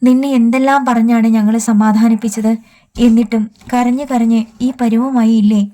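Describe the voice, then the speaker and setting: A woman's voice: on the high side, steady tone, moderate pace, mellow, close to an everyday voice. A woman reading a worried, kindly older man.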